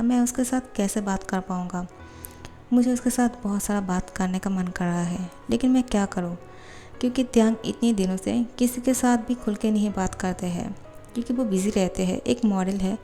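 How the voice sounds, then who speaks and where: A woman narrating a romance fan-fiction story in a steady, plain retelling. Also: mid-range voice.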